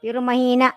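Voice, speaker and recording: A hoarse woman chatting and laughing on a live stream, shouting out viewers by name and breaking off to sing a few lines. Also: fairly high pitch. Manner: giggly, self-conscious, greets viewers by name. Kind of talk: casual live-stream chat with sung lines.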